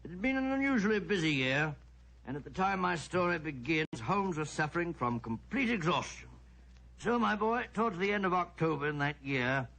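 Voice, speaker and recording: An actor playing an avuncular elderly British gentleman doctor telling tales in old-time radio drama, exclaiming and pausing hesitantly. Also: on the high side, low-quality recording. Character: genial elderly doctor, British gentleman narrator and loyal friend.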